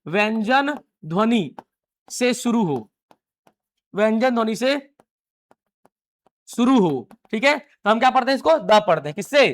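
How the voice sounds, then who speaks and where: High-voiced man teaching a class. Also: expressive, measured pace, long pauses. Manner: asks the class a question, then answers it himself; repeats key phrases many times. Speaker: English teacher. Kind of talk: live classroom lecture. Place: classroom with students.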